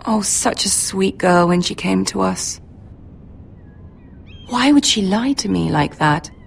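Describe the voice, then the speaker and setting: Commanding young noble lady, game drama; unhurried, measured, imperious. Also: mid-range voice, lively intonation, vocal fry, a little hiss or hum, full character voice. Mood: wistful. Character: poised, commanding young noble lady, betrothed future queen. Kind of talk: dramatic video game acting.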